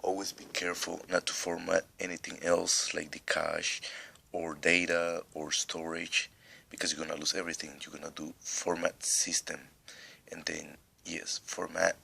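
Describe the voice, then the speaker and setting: A man's voice: low-pitched, gravelly, sharp tone, breathy edge. A man with a non-native accent walking through a phone tutorial step by step, rambling a little and fighting a cough. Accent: non-native English accent. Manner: rambling, restarts often, step-by-step. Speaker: tech tutorial host. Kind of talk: casual screen tutorial.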